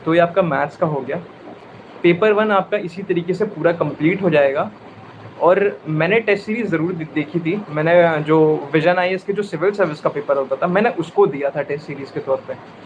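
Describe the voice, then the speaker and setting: A man's voice: on the high side, normal speed, lo-fi sound, a little hiss or hum. A man, giving exam-prep advice in an interview and mixing in English with many fillers and self-corrections. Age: 20s. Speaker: exam topper sharing preparation advice. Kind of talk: live interview answers.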